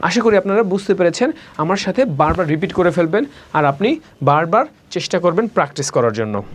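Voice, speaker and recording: Bangladeshi teacher drilling English words. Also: female voice, lowish voice, darkish tone. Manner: slow, drawn-out drilling of words, repeating each several times. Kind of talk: spoken English lesson.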